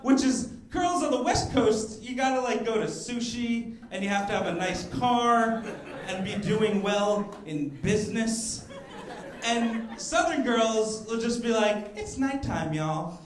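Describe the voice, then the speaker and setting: A young man doing a stand-up comedy set on a club stage, mixing crowd work and quick asides, speaking into a handheld mic. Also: extremely high pitch. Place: comedy club stage before a live audience. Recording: roomy live club sound with audience laughter.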